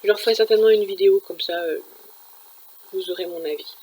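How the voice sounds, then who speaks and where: A woman's voice: medium pitch, quick pace, heavy background noise. Chatty French-speaking woman vlogger. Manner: chatty, many fillers and restarts. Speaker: manga reviewer. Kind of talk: casual chat.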